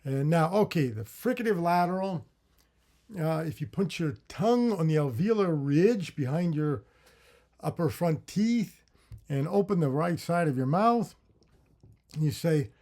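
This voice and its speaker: A man teaching a lecture on consonant sounds, slowly voicing example syllables and thinking aloud with fillers and restarts. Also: fairly high pitch, animated, darkish tone. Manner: slow, deliberate, with drawn-out syllable demos. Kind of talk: lecture on phonetics with spoken sound demonstrations.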